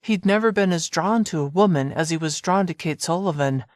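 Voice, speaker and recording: A narrator reading a romance audiobook in an even, measured storytelling manner. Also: female voice, lowish voice, no echo, clean studio sound. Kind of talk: scripted narration.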